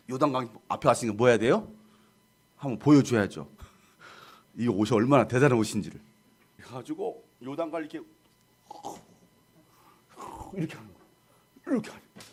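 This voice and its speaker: A middle-aged male pastor preaching a lively storytelling sermon, acting out scenes with sound effects and quoted voices. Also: medium pitch, breathy edge.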